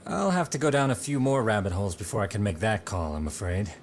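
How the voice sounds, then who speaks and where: A man's voice: fairly low pitch, big pitch swings, fast talker, slight background noise. A man voicing a polite, nerdy male internet sleuth in a video game, with a wordy, precise way of talking. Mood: informative. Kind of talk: English video game voice acting.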